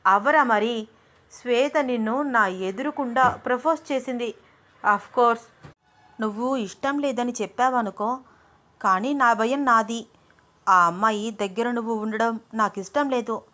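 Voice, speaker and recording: A woman voicing a jealous, quick-tempered young woman in love, speaking sharply in a raised voice in a storybook reading. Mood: jealous angry. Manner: sharp, indignant, raised pitch.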